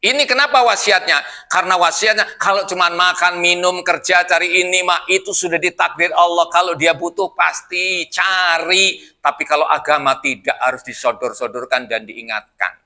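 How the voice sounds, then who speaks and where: A man's voice: high-pitched, steady tone, normal speed, pushed and bright. A middle-aged man, preaching in a mosque and teasing his listeners with questions. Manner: playful, teasing the audience with questions. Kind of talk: sermon.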